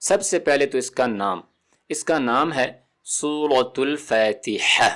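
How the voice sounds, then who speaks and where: A man teaching recitation, patiently repeating each sound slowly and checking that the listener follows. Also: mid-range voice, lively intonation, fairly bright tone. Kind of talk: step-by-step tajweed lesson.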